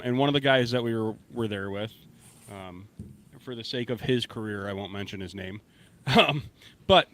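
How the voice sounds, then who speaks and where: A man's voice: medium pitch, slight background noise. A man co-hosting a podcast, telling a story in casual banter and acting out quotes. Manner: lively storyteller, acts out quotes. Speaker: podcast co-host.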